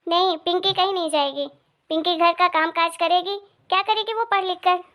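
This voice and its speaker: A woman voicing a nagging grandmother in an animated cartoon who scolds her granddaughter and favors her grandson. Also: extremely high pitch, moderate pace. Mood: scolding. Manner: scornful, nagging, sharp-tongued.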